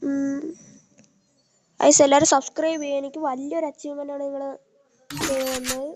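High-pitched Malayali woman streamer, Malayalam-English mix. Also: flat delivery, brisk. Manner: mixes Malayalam with English words, often addressing viewers as guys. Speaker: game live streamer. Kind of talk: casual live gaming commentary. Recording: very noisy live stream with clicks.

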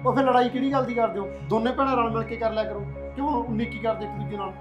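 A man playing an easygoing husband who tries to calm his wife and asks for his meal. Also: very high voice, rapid-fire, dull audio. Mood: placating. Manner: soothing, placating. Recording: echoey room with music.

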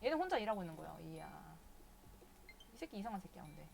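A woman's voice: low-pitched, sing-song, quick pace, gravelly, slight background noise. A woman streaming a video game live, chatting casually and cursing at the characters in exasperation.

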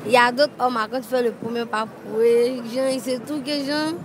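A woman's voice: a little high, fairly even intonation, a little fast, crowd noise. A young woman answering a street interview hesitantly, searching for words, into a handheld mic. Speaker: passer-by interviewee. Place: city street at night. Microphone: interviewer's handheld microphone. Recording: outdoor street noise.

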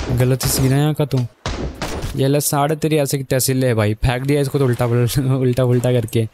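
A young man giving excitable, swearing live commentary while playing a survival shooter. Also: mid-range voice, background noise. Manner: excitable, swears at enemies, keeps up a running commentary. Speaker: gaming YouTuber. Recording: gunfire from the game behind.

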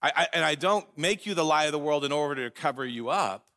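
A man preaching a sermon as pastor, earnest and emphatic, slowing down to read scripture aloud. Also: a little high, lively intonation, pushed and bright. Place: church sanctuary.

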